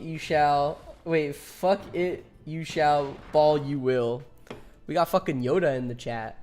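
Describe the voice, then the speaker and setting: Laid-back young man chatting on a game stream. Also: a little high. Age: 20s. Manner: laid-back, joking with chat, swears often. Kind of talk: casual live-stream chat.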